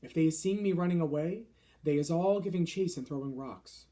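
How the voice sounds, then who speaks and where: Man voicing a gentle, soft-spoken friendly giant. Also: fairly high pitch, brisk, natural voice. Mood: nervous. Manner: soft-spoken, quaint mangled grammar and nonsense words. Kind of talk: children's storybook reading.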